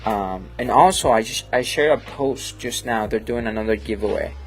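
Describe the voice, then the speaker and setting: Faint music plays behind this man as he edits photos live, his voice on the low side at a moderate pace. He is a native Spanish speaker with a Colombian accent, chatting casually and rambling amiably with many fillers while reading chat messages out loud.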